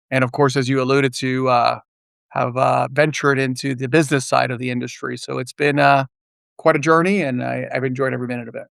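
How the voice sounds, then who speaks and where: A middle-aged man from Puerto Rico, a guest on a remote podcast, talking in a measured casual way with many small pauses. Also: medium pitch, gravelly, a bit bright, dry recording. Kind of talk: casual interview chat. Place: remote, virtual studio.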